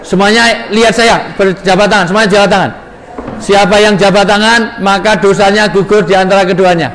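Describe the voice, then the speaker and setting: A man's voice: sits high, steady tone, a little fast, a bit bright, a little hiss or hum. A man preaching an interactive mosque sermon, joking and directing his audience. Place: large mosque hall. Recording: reverberant hall with faint ambience.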